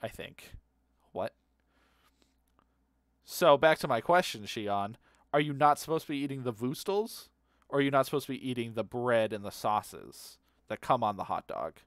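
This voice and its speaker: A man's voice: medium pitch, expressive, normal speed, pauses often, dry recording, clean studio sound. Man rambling on a game stream. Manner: rambling and easily amused, repeats words aloud, hums to himself. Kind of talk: casual chat while playing a game.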